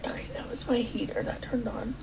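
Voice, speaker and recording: A young woman whispering fearfully into her phone camera in her dark bedroom at night. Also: a little high, fairly even intonation, brisk, gravelly. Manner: frightened hushed whispering. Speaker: vlogger filming her room.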